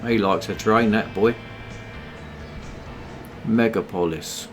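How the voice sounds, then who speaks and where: A man's voice: on the low side, slow, faint music behind. A tired man, mocking the ads he watches during a late game stream. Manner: sarcastic, mocking. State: tired, yawning. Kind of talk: casual live-stream commentary on ads.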